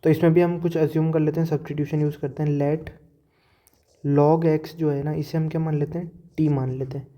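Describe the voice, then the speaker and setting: A man's voice: on the high side, level tone, brisk, dark tone. A man teaching calculus step by step, explaining problems while he writes and mixing English math terms into his speech. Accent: Hindi-speaking Indian. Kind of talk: whiteboard lecture, step-by-step explanation.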